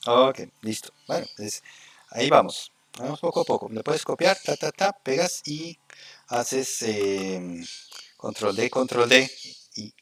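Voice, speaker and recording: A man leads a live coding class with a voice of ordinary middle pitch. He talks through each step as he goes and keeps checking that his students are following. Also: takes it slowly, a bit bright. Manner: explains step by step, often checking in with "¿cierto?" and "¿ok?". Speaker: programming instructor.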